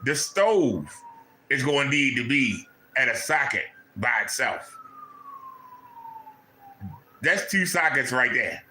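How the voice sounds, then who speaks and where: A man from Maryland, USA, hosts a commentary channel from a room in his home, mocking someone in a clip with incredulous, repetitive questions. His medium-pitched voice is very animated yet slow, with frequent pauses and a sharp tone, in a roomy recording with a little hiss or hum.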